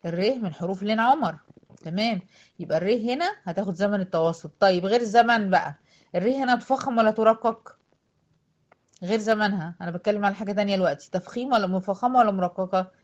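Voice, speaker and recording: Egyptian woman teacher, patient quizzing style, mid pitch, muffled lo-fi online audio. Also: fast. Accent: Egyptian Arabic. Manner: patient, quizzing students, drawing out words to demonstrate. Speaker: Quran recitation teacher. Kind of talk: online tajweed lesson.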